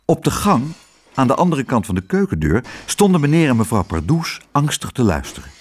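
A man reading a children's storybook aloud in an expressive, unhurried way. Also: medium pitch, breathy edge.

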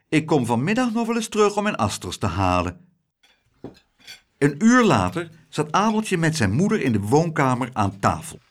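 A man reading a children's storybook aloud in an expressive, lilting manner. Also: mid-range voice. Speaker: narrator.

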